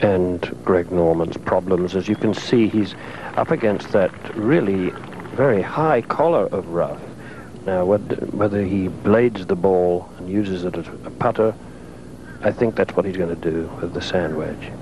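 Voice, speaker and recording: Deep-voiced male golf commentator, old noisy broadcast. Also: unhurried. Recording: dull noisy 1980s television broadcast.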